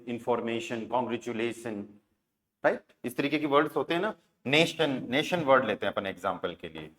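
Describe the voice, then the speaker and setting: A man's voice: fairly high pitch, a bit bright. Hindi-speaking man teaching German sounds. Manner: checks understanding often with "right?" and "okay?"; spells words out letter by letter, then sounds them out slowly. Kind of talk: classroom lesson explaining pronunciation.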